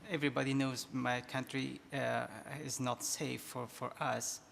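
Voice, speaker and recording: A man's voice: mid-range voice, flat delivery, measured pace, creaky, fairly bright tone. A man from Afghanistan answering from a studio audience in hesitant, broken English full of uhs. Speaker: audience member. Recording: reverberant studio hall with faint room noise.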